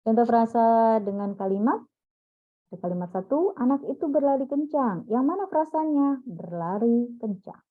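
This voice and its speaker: A woman's voice: on the high side, expressive, moderate pace, phone-quality sound, faint music behind. A woman teacher giving a classroom lecture, explaining step by step and quizzing her listeners with questions as she goes.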